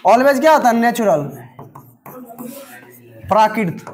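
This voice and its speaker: A man's voice: very high voice, expressive, takes it slowly. A man teaching a maths class, repeating terms word by word and often asking if the students have understood. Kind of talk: slow classroom lecture.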